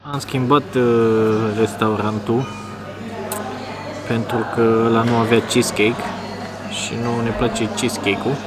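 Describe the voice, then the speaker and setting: A Romanian man in his thirties vlogs casually about cars to a phone or camera held at arm's length, chatting and rambling with restarts as he addresses viewers outdoors by garages, a car and a restaurant. He speaks in a level, medium-pitched tone with long pauses, and crowd noise is heard.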